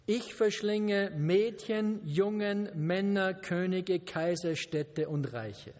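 A huge, unbending male lion speaks slowly and matter-of-factly, as a preacher reads him aloud. The voice sits fairly high and unhurried, with a long reverb trailing each phrase as in a church hall. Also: darkish tone. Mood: solemn.

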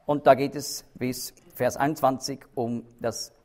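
A man's voice: mid-range voice, fairly even intonation, a little slow, darkish tone. A man teaching a Bible study, explaining carefully, stressing key words and checking in with his listeners.

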